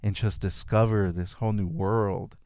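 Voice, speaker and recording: Recorded dry with clean studio sound, this man has a lowish, slightly mellow voice with fairly even intonation and a normal speed. He's a native Spanish speaker from California who reflects on his childhood as a guest in a casual chat, frequently restarting as he tells his stories.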